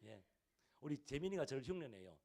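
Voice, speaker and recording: A man's voice: mid-range voice, very animated, brisk, gravelly, darkish tone. Emphatic Korean male pastor preaching. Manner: repetitive, emphatic preaching with rising and falling volume. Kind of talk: sermon. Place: church service hall.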